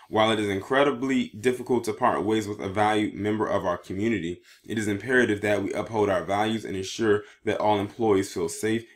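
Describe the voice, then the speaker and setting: For an online video, a man reads news articles aloud and adds remarks of his own, stumbling over words now and then. His pitch is fairly low.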